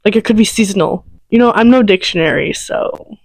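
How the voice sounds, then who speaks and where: A woman's voice: medium pitch, a little fast, vocal fry, dry recording, low-quality recording. A nineteen-year-old woman co-hosting a podcast, casual and offhand with a dry sense of humor. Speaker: podcast co-host. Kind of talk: casual chat.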